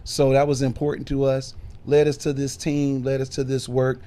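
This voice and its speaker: This man's medium-pitched voice is completely flat and dark, delivered at normal speed. He's a middle-aged minister and bishop, Chicago-born and Detroit-raised, telling his life story on a relaxed podcast with plenty of fillers.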